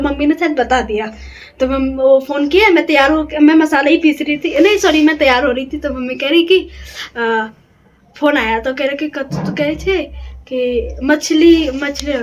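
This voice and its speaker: Young woman, very high voice, casual storytelling, frequent laughter, mimics relatives. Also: normal speed.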